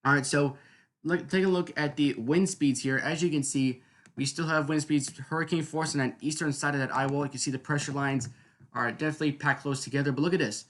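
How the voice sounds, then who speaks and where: A man's voice: fairly high pitch, steady tone, brisk, a bit bright. A man hosting a live weather stream, explaining in an unscripted, conversational way and often checking in with listeners. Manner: conversational, explanatory, repeatedly seeking agreement.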